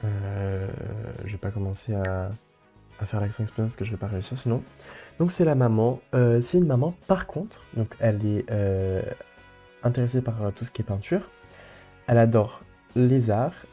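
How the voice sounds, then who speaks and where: Young male let's play host, mellow voice, chatty and rambling, light music underneath. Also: lowish voice, moderate pace. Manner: rambling, many fillers and restarts. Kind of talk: casual gameplay commentary.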